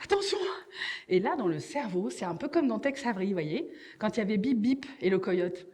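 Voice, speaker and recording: A middle-aged woman performing a stand-up comedy monologue, animated and quick to slip into acted voices. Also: medium pitch, husky.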